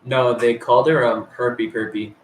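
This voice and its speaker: A man's voice: mid-range voice, steady tone, normal speed, roomy sound, a little hiss or hum, poor audio. A teenage male telling crude, rambling stories about school, heavy on swearing and filler words. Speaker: storyteller. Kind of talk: casual storytelling.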